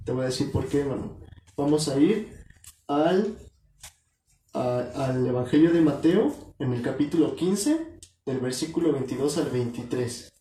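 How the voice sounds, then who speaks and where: A man's voice: medium pitch, expressive, a little slow, warm tone. A man preaching a sermon. He talks earnestly, calls his listeners brothers and corrects himself now and then. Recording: echoey room.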